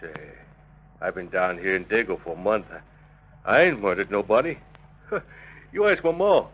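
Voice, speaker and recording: An actor playing a frightened, wily murder suspect in a vintage radio crime drama, with theatrical, folksy dialect and repetitive pleading. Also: male voice, on the low side, expressive, moderate pace, a little hiss or hum, close to an everyday voice. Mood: defiant. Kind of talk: 1930s-1940s radio crime drama acting. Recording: muffled vintage radio recording, music bleed.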